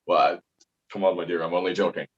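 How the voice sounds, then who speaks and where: A man's voice: sits low, little pitch movement, quick pace, lightly acted. A man playing a stammering, teasing husband on a group video call. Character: joking husband who calls his wife dear. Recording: dull video-call audio.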